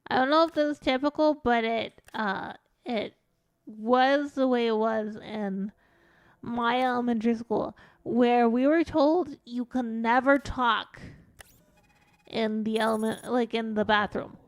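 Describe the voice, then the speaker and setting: A woman's voice: fairly high pitch, a little slow, dry recording. A woman streaming a game as a VTuber, rambling through a casual story and swearing now and then. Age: adult.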